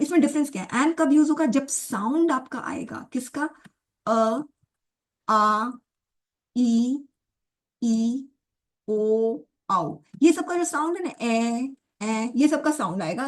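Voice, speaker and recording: A woman with an Indian English accent teaching grammar in a mix of Hindi and English, patiently repeating examples and checking that her students follow. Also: a little high. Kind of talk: Hindi-English classroom explanation.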